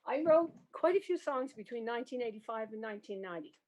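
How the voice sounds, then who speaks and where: An older woman from Prince Edward Island, Canada, speaks with a Canadian accent in a voice on the high side, a little mellow, with lively intonation and a quick pace. She is a guest, a music educator and organist, reminiscing casually and animatedly with trailing asides.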